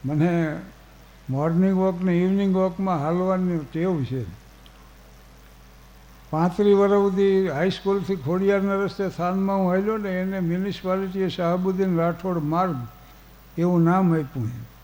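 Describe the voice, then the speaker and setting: Older male stage humorist, folksy anecdotal delivery, slightly high, warm and mellow tone. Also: fairly even intonation, moderate pace, rough recording. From Gujarat, India. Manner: folksy, anecdotal, quotes verse. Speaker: storyteller on stage. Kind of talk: humorous storytelling to a live audience.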